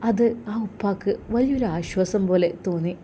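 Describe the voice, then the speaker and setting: A woman with a Malappuram accent narrating an emotional story in a slow, heartfelt way. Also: medium pitch, mellow, a little hiss or hum. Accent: Malappuram Malayalam.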